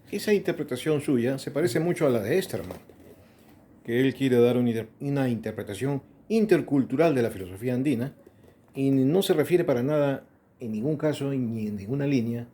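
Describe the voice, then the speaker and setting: A man, an interviewer asking measured, deliberate questions about a book. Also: medium pitch, lively intonation, dark tone.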